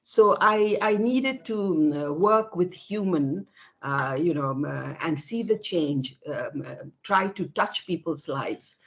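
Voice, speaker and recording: A woman in her sixties from Nepal, answering interview questions over a video call in a thoughtful way, often pausing with fillers and restarting her sentences. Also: on the low side, animated, fairly bright tone. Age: 60s. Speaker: interview guest, women's rights activist.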